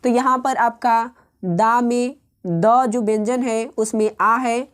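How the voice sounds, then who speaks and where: A woman with a slightly high voice teaches grammar at a patient, measured pace. She repeats each rule and pauses often as she walks through the examples. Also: smooth. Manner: patient, slow and repetitive, pausing often. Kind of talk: explaining grammar rules step by step.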